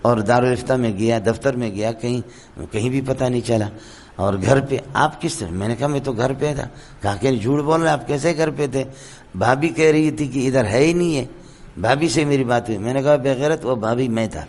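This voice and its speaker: A hoarse man giving a Quran commentary lecture in a madrasa, telling stories and often checking that his listeners understand. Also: medium pitch, darkish tone. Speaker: Quran teacher.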